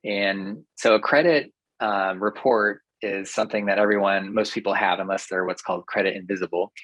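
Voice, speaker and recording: Low-voiced professor explaining patiently. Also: male voice, fairly even intonation, a bit bright, no echo, rough recording. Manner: thoughtful, measured, with fillers. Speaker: professor guest. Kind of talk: explanatory interview talk.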